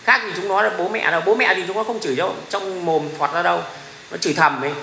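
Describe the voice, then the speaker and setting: A middle-aged livestream host with a high, gravelly voice talks fast, rambling casually, bluntly and profanely, and laughing often. The echoey room carries faint ambient noise.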